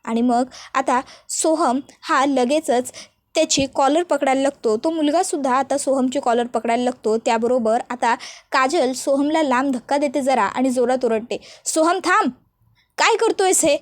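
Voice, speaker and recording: High-voiced woman retelling a TV serial. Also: moderate pace, no echo, studio quality. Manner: acts out quoted dialogue in changing voices. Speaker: episode recap narrator.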